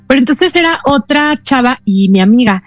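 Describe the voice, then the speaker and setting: A woman with a Mexican Spanish accent hosting a radio talk show, telling anecdotes in a lively way with quick asides. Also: high-pitched, dry recording, faint music behind. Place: radio studio.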